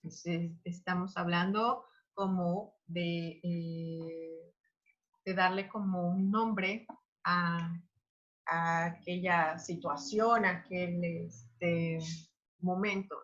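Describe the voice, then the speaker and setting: A woman teaching an online grammar lesson, explaining slowly with many fillers and restarts. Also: on the low side, fairly even intonation, fairly bright tone. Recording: dull lo-fi recording.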